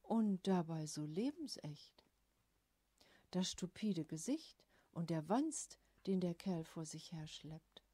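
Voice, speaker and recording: A woman voicing a blustering, vain middle-aged father who speaks loudly and gruffly. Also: on the low side, sing-song, takes it slowly, dry recording, exaggerated voice. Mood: amused.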